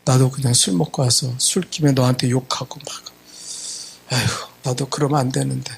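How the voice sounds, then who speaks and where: A man doing a gruff drunken husband. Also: medium pitch, level tone, moderate pace, pitched below the performer's own voice.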